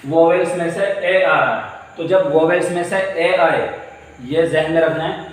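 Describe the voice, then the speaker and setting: A male English teacher's fairly high voice rings through a very echoey room, recorded from a distance with a long reverb tail. He teaches grammar patiently and a little slowly, revisiting each point and putting questions to the class.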